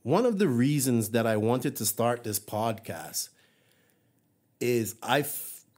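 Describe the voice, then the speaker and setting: Here a Bermudian man hosts a hobby podcast, talking solo in a casual, rambling, friendly way. His voice is mid-range with a darkish tone, and his speech is full of fillers and restarts.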